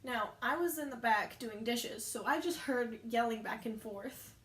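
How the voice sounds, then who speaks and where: A woman's voice: on the high side, measured pace, a bit bright. A young woman casually telling rambling stories about her work, often correcting herself as she goes. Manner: rambling, chatty, self-correcting. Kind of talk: casual storytime chat. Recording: echoey room.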